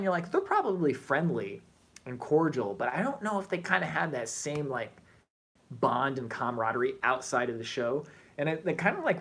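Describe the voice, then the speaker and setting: A man vlogging in a casual, animated way, chatting and drifting between tangents. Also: mid-range voice. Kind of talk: casual chat to camera.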